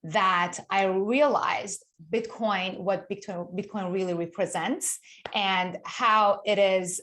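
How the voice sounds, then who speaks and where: A woman's voice: mid-range voice, fairly even intonation, slow, a bit bright. A woman from Iran, a guest author giving an enthusiastic webinar talk over a remote call microphone, explaining with frequent restarts. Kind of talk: webinar presentation.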